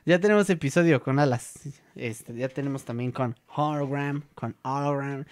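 A man's voice: medium pitch, normal speed. A young man with a Mexican accent, hosting a casual chat and telling stories in a joking, slangy way. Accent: Mexican Spanish. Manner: slangy, joking, animated storytelling. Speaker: vlog host.

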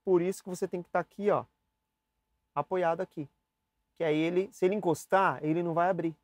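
A man's voice: high-pitched, steady tone, brisk, dry recording. A young man teaching saxophone basics in a casual, chatty way, demonstrating and talking straight to the viewer. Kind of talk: casual instructional lesson. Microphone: camera mic, switching cameras.

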